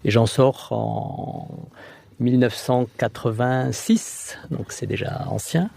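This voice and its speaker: A middle-aged man from southwest France, an architect appearing as a guest, answers interview questions hesitantly, with many fillers and restarts. His mid-range voice is slow, gravelly and mellow.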